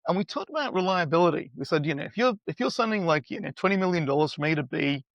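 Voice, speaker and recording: A middle-aged man speaking as a guest expert in a conversational podcast interview, animated and acting out quoted dialogue with playful voices. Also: on the high side, quick pace, creaky, no echo. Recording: slightly dull, dry sound.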